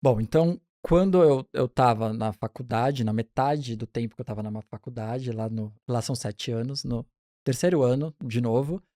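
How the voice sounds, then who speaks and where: A man in his forties, a pediatric neonatologist, telling his career story in a relaxed, chatty interview with frequent restarts. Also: medium pitch, normal speed, no room sound, studio quality.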